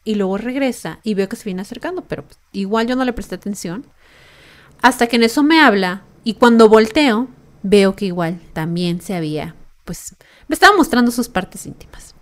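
A woman's voice: mid-range voice, expressive, moderate pace. A young woman with a Mexican accent hosting a podcast, telling a personal story in a chatty way with lots of fillers and tag questions. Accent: Mexican Spanish. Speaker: podcast host.

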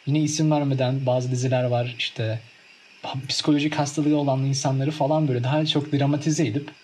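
A young man chatting casually and telling stories in a lively way, acting out scenes with mimicked sounds. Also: medium pitch, a little fast, slight background noise. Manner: animated storytelling, acts out scenes with mimicked sounds. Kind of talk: casual chat.

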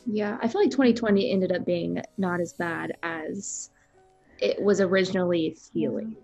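A woman's voice: on the low side, normal speed, creaky, a little mellow, soft background music. A woman in her late twenties co-hosting a podcast, chatting and reading out listener questions. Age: late 20s. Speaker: podcast co-host. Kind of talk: casual podcast chat.

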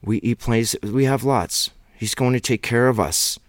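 A man's voice: medium pitch, unhurried, no room sound, clean studio sound. A middle-aged man giving an earnest, emphatic Bible teaching by video, with a preacher's fervor.

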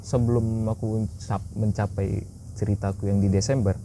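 Casual guest, male, low voice, open storyteller, noisy room. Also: level tone, moderate pace, warm tone. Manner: candid, chatty storytelling. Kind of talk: casual podcast chat. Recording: noisy background.

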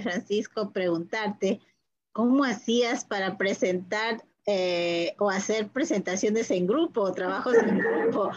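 A woman with a mid-pitched voice hosts an interview podcast. She listens closely, affirms her guest and asks thoughtful follow-up questions. Her audio is dull and lo-fi. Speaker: podcast host. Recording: dull lo-fi online call audio.

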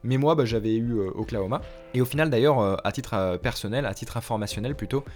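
A man's voice: medium pitch, fast, a little mellow, soft background music. A young French man telling a story in a casual, slangy way, acting out the lines he quotes. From France. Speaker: language vlogger.

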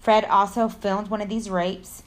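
With an unhurried pace and a medium-pitched voice that barely moves in pitch, a true crime podcast co-host from Texas reads a story in her American accent. Her delivery is informal, with offhand asides and stumbles.

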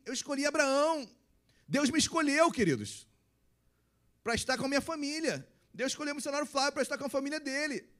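A man's voice: sits high, darkish tone. A man, a pastor preaching a sermon, emphatic and full of rhetorical questions to his congregation.

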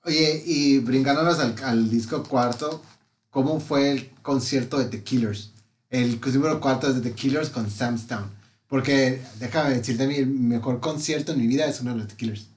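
The room echoes as a relaxed host with a Mexican Spanish accent talks about music at a moderate pace in a mid-range voice. He poses questions and shares memories along the way.

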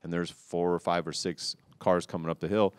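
A man on a casual talk show, telling a rambling story with restarts and loud quoted outbursts. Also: sits low, a little fast, smooth, no echo. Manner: animated, rambling, restarts, quotes people loudly. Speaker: podcast co-host telling a cycling story.

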